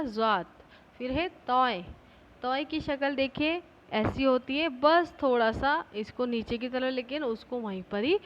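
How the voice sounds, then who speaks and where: A female schoolteacher gives a patient classroom lesson, repeating each point and posing questions she then answers herself. Her voice is a little high, and the recording has its highs cut off.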